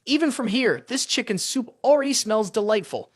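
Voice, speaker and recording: A proud young female cultivator from a fantasy story recap, quick to get flustered and stammer, as a man reads her lines, high and animated in pitch. The voice is close and dry. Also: no echo.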